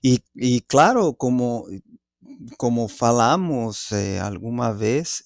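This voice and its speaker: A man in his forties with a Mexican Spanish accent answers interview questions slowly and deliberately, searching for his words. His voice has a gravelly fry. The sound is dry and close. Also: medium pitch, darkish tone, dry recording. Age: 40s. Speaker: guest professor.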